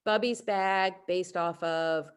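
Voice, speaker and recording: A woman's voice: on the low side, fairly even intonation, slow pace, clear, resonant tone. Enthusiastic woman presenting a virtual talk. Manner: warm, enthusiastic explaining; informal asides and self-corrections. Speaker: printmaker presenting artists' work. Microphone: video call.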